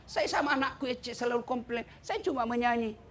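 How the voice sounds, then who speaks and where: A man's voice: very high voice, fairly quick, slight background noise. A middle-aged male preacher with a Makassar Indonesian accent, giving a humorous sermon full of jokes. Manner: lively, joking, sings song snippets.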